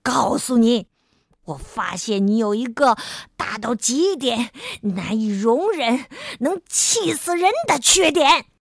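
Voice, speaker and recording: A woman voicing an arrogant, exasperated man who shouts indignantly in a children's story. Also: a little high, lively intonation, slow pace, creaky, no room sound, studio quality, heavily acted. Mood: exasperated shouting.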